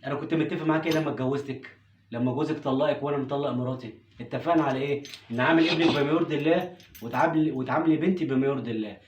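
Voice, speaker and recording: A stern Egyptian father, played by a man scolds at a very rapid clip. His voice sits in a roomy, dull-sounding home recording for a family skit. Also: medium pitch, a little hiss or hum, lightly acted. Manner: scolding, demanding answers.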